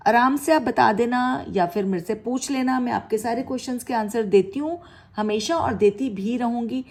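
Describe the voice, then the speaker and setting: A woman's voice: a little high, a little mellow. A woman teaching spoken English, encouraging her learners and repeating example sentences with a questioning tone.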